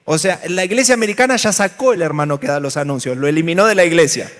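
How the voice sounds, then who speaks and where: The pastor's voice is fairly high and a bit bright, with lively intonation and a fast pace. With an Argentine Spanish accent, he jokes, tells stories, and quizzes the audience during an animated church workshop in a large hall, captured with hall reverb.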